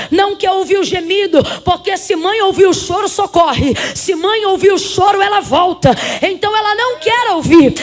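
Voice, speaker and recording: A Brazilian woman preaching a sermon to a congregation, emphatic and swinging from soft talk to shouts as she calls on the listeners. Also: very high voice. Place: church before a congregation.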